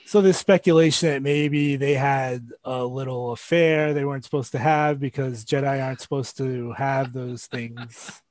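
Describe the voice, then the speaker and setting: A man's voice: medium pitch, steady tone, moderate pace, few pauses, a little mellow, dry recording. A man co-hosting a podcast in casual, joking banter, easygoing and fond of trading fan theories. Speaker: podcast co-host.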